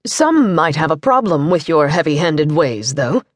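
A woman voicing a wealthy gentleman who speaks in a silky, sly, taunting way. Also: medium pitch, very animated, moderate pace, dry recording, studio quality. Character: silky, malicious wealthy gentleman, master of house.

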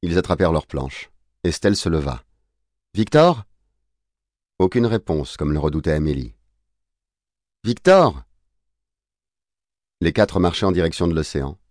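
A man reading an audiobook as narrator, in a measured, even way on a close microphone. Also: low-pitched, no room sound. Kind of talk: scripted narration.

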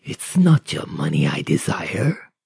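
A man voicing a sinister cloaked creature that feeds on souls, speaking in a low, lisping voice with slow, hissing menace in an audiobook. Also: wildly swooping pitch, creaky, a little mellow, husky, no room sound, studio quality, exaggerated voice. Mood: menacing. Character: sinister cloaked male soul-devouring creature. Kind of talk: audiobook character voice.

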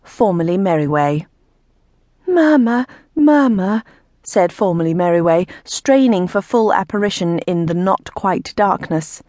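A woman's voice: fairly low pitch, normal speed, hardly any pauses, a little mellow, no room sound. Woman narrating an audiobook, dry close sound. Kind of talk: scripted narration.

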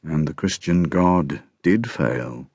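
A man narrating a historical novel audiobook in a measured, grave first-person storytelling manner. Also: extremely low pitch, expressive, creaky, a little mellow, husky, no echo.

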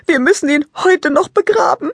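A woman narrator voicing a young girl who is crying over her dead pet, high and tearful. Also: moderate pace, no echo, studio quality.

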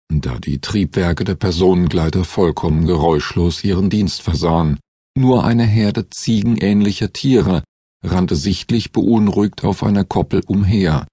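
A man narrating a science-fiction audiobook in a calm, measured reading. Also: low-pitched, breathy edge, no echo, clean studio sound. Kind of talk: scripted narration.

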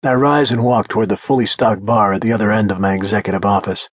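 Husky low-voiced male audiobook narrator. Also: fairly even intonation, quick pace, no echo. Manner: blunt, confident first-person storytelling. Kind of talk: first-person audiobook narration.

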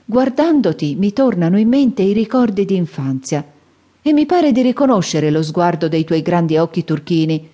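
A woman's voice: lowish voice, big pitch swings, moderate pace, warm tone. A woman voicing an earnest young outlaw man. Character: young male outlaw forester, earnest and affectionate.

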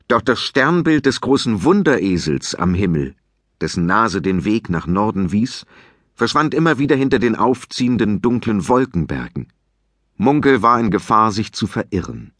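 A man reading a children's audiobook aloud with expressive, scripted storytelling narration. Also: lowish voice, moderate pace, dry recording, clean studio sound. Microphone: close studio mic.

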